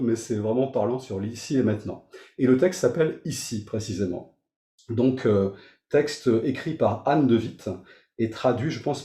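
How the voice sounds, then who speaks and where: A man's voice: mid-range voice, mellow. A man teaching meditation, talking informally to his group in front of a camera, hesitant with many fillers and restarts. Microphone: facing a camera. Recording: roomy echo.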